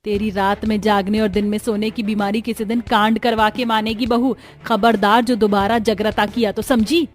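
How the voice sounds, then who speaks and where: A woman's voice: medium pitch, level tone, normal speed, few pauses, lightly acted. A woman as a strict scolding mother-in-law. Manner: scolding, commanding.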